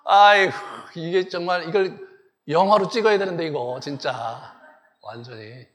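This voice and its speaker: High-voiced male pastor in a reverberant church. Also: normal speed. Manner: animated storytelling, acts out the characters. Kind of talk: sermon. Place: church sanctuary. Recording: long church hall reverb.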